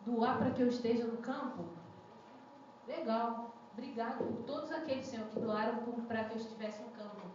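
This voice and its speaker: A slightly mellow, fairly high-pitched female voice at a moderate pace belongs to a young woman preaching conversationally and posing questions to the congregation. The echoey church hall recording is muffled and lo-fi, with a faint hiss or hum.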